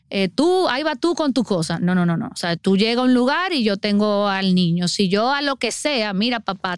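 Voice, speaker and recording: As a podcast guest, a middle-aged woman earnestly explains child water safety, acting out everyday scenes. Her medium-pitched voice is clear and resonant, captured in a dry, studio-quality recording.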